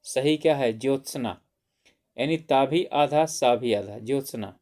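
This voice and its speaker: A man's voice: medium pitch, a little slow, darkish tone. A man teaching an exam-prep grammar lesson, who keeps asking questions and answering them himself, often saying "theek hai".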